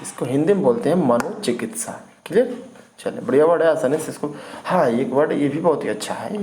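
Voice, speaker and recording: A man's voice: medium pitch, warm tone, a little hiss or hum, low-quality recording. A man teaching English vocabulary in an informal video lesson. He spells words out letter by letter and keeps checking in with his students.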